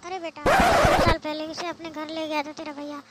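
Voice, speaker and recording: A woman voicing a gentle older Indian mother in a cartoon, speaking in a soft, comforting motherly tone. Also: high voice, very animated, normal speed, very noisy. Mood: soothing. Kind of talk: cartoon voice acting. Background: background music.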